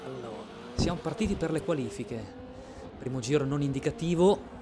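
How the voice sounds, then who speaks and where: A man's voice: fairly high pitch, fairly quick, noisy background. A man giving casual live sim racing commentary as a streamer, hesitating and repeating words as he goes. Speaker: esports race commentator and streamer.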